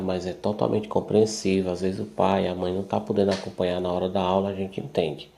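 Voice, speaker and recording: A man teaching young children over an online class, with a low, gravelly voice. He explains each step patiently and repeats himself, pausing to check that everyone is following. The tone is friendly and steady, like a teacher at the board. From Brazil. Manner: patient, repetitive, checks in with "tá certo?". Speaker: primary school teacher.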